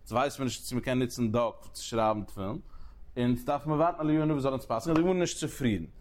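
A man giving a religious study lecture at a brisk, hurried clip. His voice sits at an ordinary middle pitch. He circles back on phrases, restarts mid-thought and fires off questions as he reasons aloud. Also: darkish tone. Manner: rapid, restless, repeating and restarting phrases, posing questions. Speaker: Talmud teacher.

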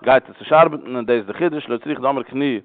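A man teaching a religious law class, explaining in a rapid, repetitive way. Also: mid-range voice. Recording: tinny phone-like line.

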